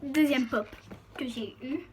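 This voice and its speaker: A woman talking to her viewers in a casual, excitable, rambling vlog with lots of fillers. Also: sits high, unhurried, background noise. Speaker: YouTuber showing her collection.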